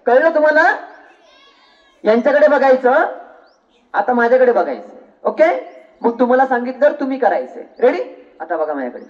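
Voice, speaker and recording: A man's voice: very high-pitched, very animated, moderate pace, pauses often, distant mic, highs cut off. A man teaching an acting workshop to children, giving directions and counting aloud in a coaxing, directive way. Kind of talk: instructing children in a class.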